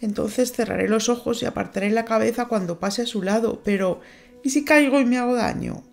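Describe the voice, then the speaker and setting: Woman doing a coquettish young girl from a storybook, high, cheeky and sweet, faint music under it. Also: a little fast, creaky, a little mellow. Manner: sweet, mocking, sobbing by turns.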